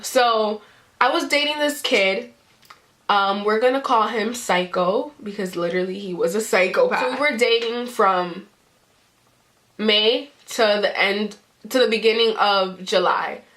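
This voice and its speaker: A woman's voice: medium pitch, a little slow, a bit bright. A young woman vlogger with a congested, stuffed-up voice, telling a story in casual chat full of ums and likes. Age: young adult. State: congested from a cold.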